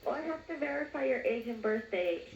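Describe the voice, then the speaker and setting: A woman in her twenties working a phone chat line who gives brief, flat, matter-of-fact answers. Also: fairly high pitch, brisk, roomy sound, a little hiss or hum, poor audio. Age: 20s.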